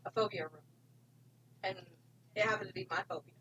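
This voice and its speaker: A woman's voice: medium pitch, fairly even intonation, fairly quick, bright, forceful tone, slightly rough, dull audio. A woman chatting casually about acting in a haunted house, rambling and full of fillers. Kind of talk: casual chat.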